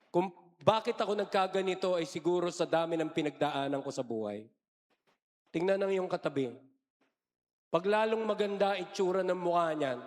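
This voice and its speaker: A man giving a playful, joking sermon-style talk to a congregation, coaxing them into call-and-response. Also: high voice. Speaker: lay preacher giving a parish retreat talk. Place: large church. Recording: echoey church hall.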